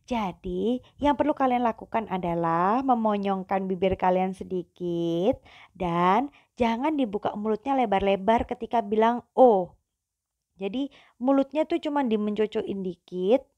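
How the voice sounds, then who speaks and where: Slow patient woman teaching. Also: on the high side, warm tone, dry recording. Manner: slow, patient, drawn-out demonstrations of sounds. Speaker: German language teacher. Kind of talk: classroom-style video lesson.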